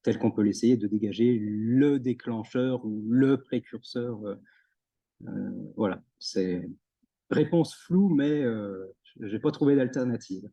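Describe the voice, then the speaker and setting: A young man answering jury questions at his thesis defense, pausing often with fillers and restarts. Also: mid-range voice, mellow, lo-fi sound. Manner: hesitant, many fillers and restarts. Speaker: PhD candidate defending thesis. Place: university room in a Zoom recording.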